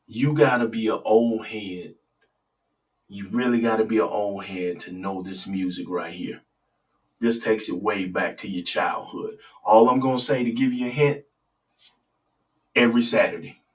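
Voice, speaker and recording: Male host, low early-morning radio voice, relaxed live sports chat, sits a bit off the mic. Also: far from the mic, low-quality recording. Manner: relaxed, talks straight to viewers, asks for comments. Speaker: sports talk show host.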